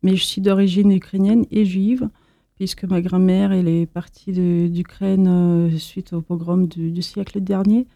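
A woman from Moldova answers interview questions in a halting way, often pausing and restarting. Her voice is very dark and mellow. The recording is dry and close. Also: on the low side, little pitch movement, creaky, no room sound. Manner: hesitant, many fillers and restarts. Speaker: association founder.

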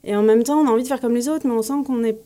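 A woman's voice: fairly high pitch, very fast, mellow. A woman from Paris, a speech therapist interviewed as a radio guest, talking in a chatty, reflective way with many hesitations. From Paris, France. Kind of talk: radio interview, casual chat.

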